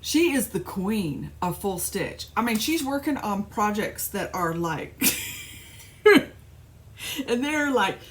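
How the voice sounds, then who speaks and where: A woman's voice: mid-range voice, sing-song, takes it slowly. A middle-aged woman chatting casually on her cross-stitch vlog, rambling with restarts and little laughs. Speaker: flosstube vlogger. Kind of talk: casual chat.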